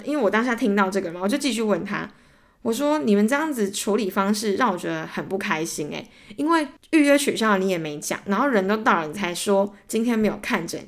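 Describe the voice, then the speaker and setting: Young taiwanese woman ranting on her podcast, acts out the back and forth, gets worked up, pitch right in the middle. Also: gravelly. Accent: Taiwanese Mandarin. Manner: animated, acts out both sides of arguments; gets heated and exasperated while retelling. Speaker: podcast host. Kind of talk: casual solo ranting storytelling.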